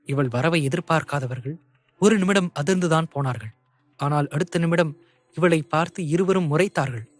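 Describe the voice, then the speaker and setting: A man narrating an audio novel in a steady, measured storytelling manner. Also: fairly high pitch.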